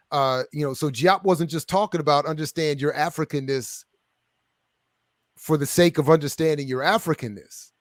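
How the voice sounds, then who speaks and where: A man's voice: on the high side, no room sound, studio quality. A man guest, an author and scholar, answering interview questions with building passion over a video call. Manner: passionate, builds up and gets amped.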